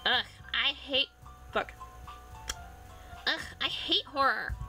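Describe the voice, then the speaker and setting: A woman's voice: sits high, slow, bright, forceful tone, faint music behind, heavily acted, low-quality recording. A woman voicing a nasal, grumpy and easily flustered young girl while reading a visual novel aloud.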